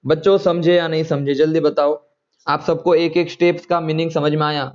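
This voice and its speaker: A man's voice: fairly high pitch, little pitch movement, a little fast, darkish tone, dull audio. A man teaching chemistry in an online class, coaxing students and checking often whether they follow.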